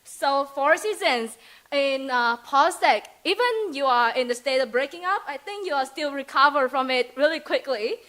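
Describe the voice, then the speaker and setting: A young Vietnamese woman with a Vietnamese accent gives a student presentation that is chatty and hesitant, full of fillers and giggles. Her voice is high and a bit bright, with lively intonation and a moderate pace.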